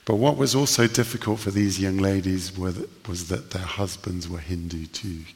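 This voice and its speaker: Deep low guy preaching slow, earnest storytelling, long echo like a church hall. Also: steady tone, slight background noise. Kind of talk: sermon.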